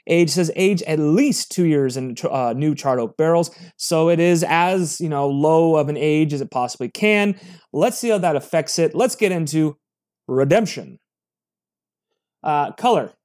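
A man's voice: on the high side, expressive, measured pace, a little mellow. A man giving a casual, rambling spoken review, chatty and full of restarts. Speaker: bourbon reviewer.

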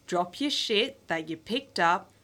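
A woman's voice: mid-range voice, lively intonation, takes it slowly, sharp tone. A woman playing a tabletop game, describing her character's actions bluntly and with a lot of swearing. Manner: blunt and profane. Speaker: player.

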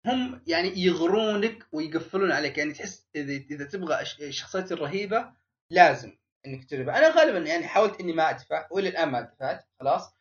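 A man's voice: on the high side, expressive, rapid-fire. A man chatting casually as a podcast host, rambling and restarting his sentences. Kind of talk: casual chat. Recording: dull lo-fi sound.

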